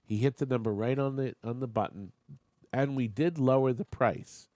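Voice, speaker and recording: A man with a medium-pitched, slightly mellow voice speaks at a moderate pace, with no room sound. He's an auctioneer and show host running a live online auction, chatting with bidders and making joking asides while losing his voice.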